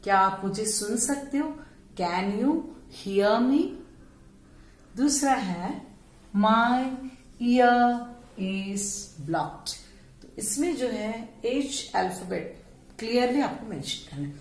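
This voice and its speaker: Slow Indian woman teaching pronunciation. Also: a little high, animated, echoey room, rough recording. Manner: slow, careful pronunciation drills, mixing Hindi and English. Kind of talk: spoken English lesson for children.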